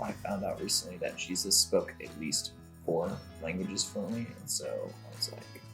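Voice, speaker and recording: A man in his twenties from the United States, chatting casually in an animated way with fillers as a guest. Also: lowish voice, vocal fry. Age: 20s. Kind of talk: casual discussion.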